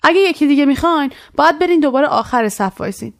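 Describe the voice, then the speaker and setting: A woman's voice: high-pitched, animated, creaky. A woman voicing a grumpy male baker who brushes off complaining kids. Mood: dismissive. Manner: curt, dismissive.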